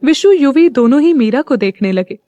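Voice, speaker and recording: A woman narrating an audio story in a measured, scripted storytelling voice. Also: high voice, animated, dark tone, no echo, highs cut off, soft background music.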